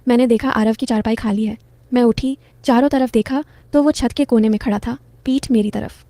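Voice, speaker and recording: A woman narrating a first-person romantic story in a soft, intimate, teasing manner. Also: fairly high pitch, steady tone, normal speed, dry recording.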